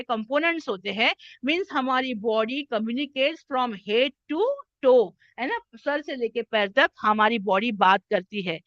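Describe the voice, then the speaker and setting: An Indian woman soft skills trainer giving a classroom lecture, mixing Hindi and English and often checking in with "है ना?". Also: on the high side, no echo, lo-fi sound. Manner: addresses listeners as "my children".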